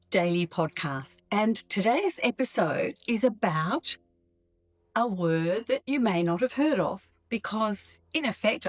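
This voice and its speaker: A middle-aged woman with an Australian accent, a couples coach hosting a solo podcast, explaining her ideas in a measured, steady way. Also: medium pitch. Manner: measured, explanatory, with occasional soft laughs and fillers.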